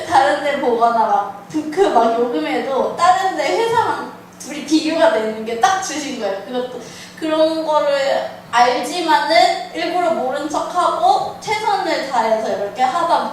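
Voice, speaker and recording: A high-voiced young woman shares her week with her church group, talking in a chatty, animated, rambling way. She sits far from the mic, so her voice comes through with a lot of room echo and a faint hiss underneath. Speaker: church small-group member. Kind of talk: personal testimony sharing. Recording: echoey room, picked up from far off.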